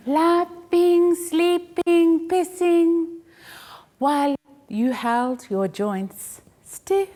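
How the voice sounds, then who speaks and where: A woman giving a theatrical spoken-word performance on a stage, slow, deliberate and mocking. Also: very high voice, dark tone. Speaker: poet and solo performer.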